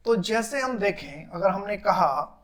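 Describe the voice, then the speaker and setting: A man's voice: high voice, expressive, a bit bright. Male teacher drilling grammar terms. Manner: asks questions and answers them himself, repeats key terms slowly. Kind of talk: classroom lecture.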